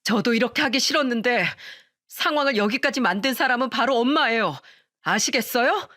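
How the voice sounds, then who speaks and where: A fed-up husband in a radio story, voiced by a woman who speaks sharply and firmly. The pitch moves in a lively way. The sound is dry and close. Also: brisk, no echo. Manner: sharp, firm. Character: fed-up husband cutting off his mother.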